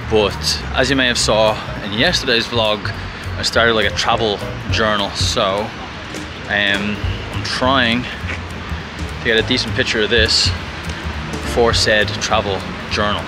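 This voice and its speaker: A man's voice: on the low side, steady tone, takes it slowly. A young man narrating a casual travel vlog outdoors on city streets, chatty and explaining his plans as he walks. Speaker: vlogger. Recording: music playing under the voice.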